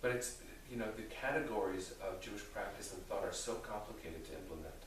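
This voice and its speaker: A man speaking as a rabbi, answering theological questions in a deliberate, thoughtful way with careful qualifications. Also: lowish voice. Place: reverberant indoor room with an audience. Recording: very echoey room, distant mic, faint noise.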